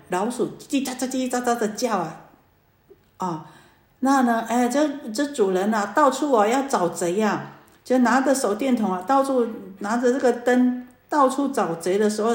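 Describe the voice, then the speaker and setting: A woman gives a Buddhist sermon, telling a story in a lively way with lots of drawn-out fillers. Her voice sits at a middle pitch. The sound rings in a roomy, echoing space. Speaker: Buddhist Dharma teacher. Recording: echoey room.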